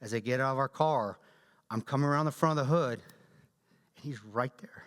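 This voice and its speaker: A man giving a talk at a church, telling a combat story in an animated way and acting out quotes. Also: medium pitch, fairly quick. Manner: animated storyteller, acts out quotes, laughs often. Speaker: guest speaker. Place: church hall. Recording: long hall reverb.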